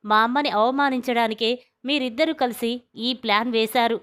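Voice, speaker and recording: A woman's voice: moderate pace, fairly bright tone, clear, resonant tone, lightly acted. A woman reading as a bitter, accusing young woman. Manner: accusing, shrill questioning.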